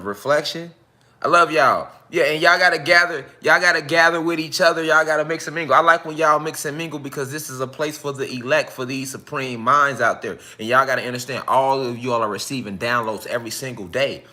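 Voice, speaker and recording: A man's voice: medium pitch, brisk, pushed and bright. A man hosting a casual online night class, talking loosely and profanely and speaking straight to his audience. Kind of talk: casual live-stream lecture.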